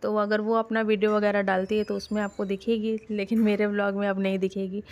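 A woman's voice: medium pitch, level tone, a little fast, a little mellow, a little hiss or hum. A woman giving a casual voice-over for her family vlog, chatty and rambling, with frequent fillers and restarts. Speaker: family vlogger.

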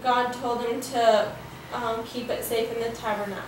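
A woman's voice: fairly high pitch, fairly even intonation, unhurried, a little hiss or hum. A young woman interpreting a sermon line by line, hesitant, with fillers and restarts. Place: living room set with framed pictures. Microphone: far camera. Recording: echoey room from far off, faint music.

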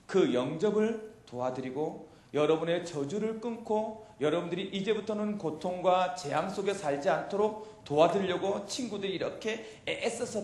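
A middle-aged man preaching a youth sermon into a handheld mic in a church hall, animated and quizzing his listeners with questions. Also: sits high. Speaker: pastor. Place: church hall with chalkboard, indoors.

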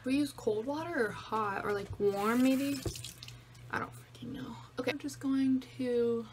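A woman's voice: sits high, unhurried, darkish tone, a little hiss or hum. Chatty teenage girl vlogging from her bedroom. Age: teens. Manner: chatty, rambling, lots of "like" and "I don't know". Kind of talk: casual vlog chat. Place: bedroom, indoors. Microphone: phone camera at arm's length.

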